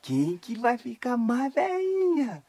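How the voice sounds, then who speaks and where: A man's voice: very high-pitched, huge pitch swings, slow pace, mellow, slightly rough. A man with a Brazilian Portuguese accent, a family vlogger, cooing fondly to a baby in casual vlog talk. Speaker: vlogger and godfather.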